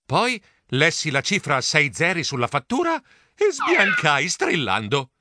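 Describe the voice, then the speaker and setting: A man reading a children's story aloud in a lively, playful first-person narration on a close studio mic. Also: a little high, a little slow, noisy background. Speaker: audiobook narrator.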